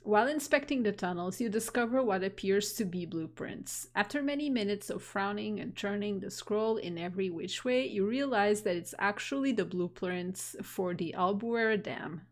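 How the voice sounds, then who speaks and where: A woman streamer reading a text game aloud on a live stream, slow and deliberate, while losing her voice. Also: mid-range voice.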